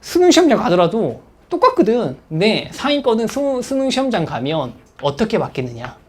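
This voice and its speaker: Male instructor with a husky voice and a very lively delivery, frequently checks in with students. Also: sits high, a little fast. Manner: animated, checks in with listeners, acts out students' thoughts. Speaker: exam prep instructor. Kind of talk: lecture.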